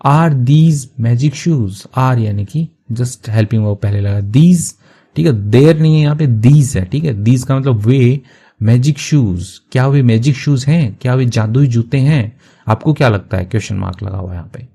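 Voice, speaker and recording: A man teaching English through a story, reading each English phrase slowly and then explaining it quickly in Hindi. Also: medium pitch, vocal fry, warm tone, husky. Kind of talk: line-by-line story translation lesson.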